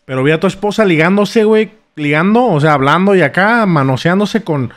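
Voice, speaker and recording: This prank-call streamer is a young man with a Mexican accent whose high-pitched voice moves a little fast. His casual banter is slangy and stammering, recorded on a close boom-arm mic in a small indoor streaming room.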